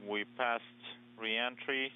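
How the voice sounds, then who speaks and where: A man speaks in brief, clipped radio callouts, relaying status as the transmission breaks up and drops out. His voice comes through a thin, phone-like radio channel under loud crackling static, sitting at an ordinary middle pitch. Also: steady tone, takes it slowly. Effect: breaking-up radio transmission with dropouts. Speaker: radio voice relaying spacecraft communications.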